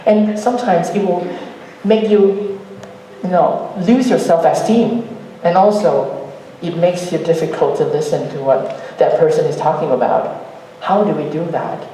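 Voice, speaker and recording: A man's voice: a little high, measured pace, warm tone, a little hiss or hum. A man giving an earnest motivational talk on stage, asking the audience rhetorical questions. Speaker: speaker at a youth ideas meetup. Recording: echoey hall, voice from far off.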